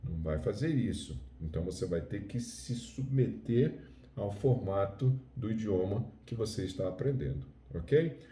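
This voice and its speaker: A man with a Brazilian Portuguese accent teaching Spanish in a video lesson, explaining slowly and checking in with "ok?". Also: lowish voice, lively intonation, warm tone, reverberant, far from the mic, slight background noise.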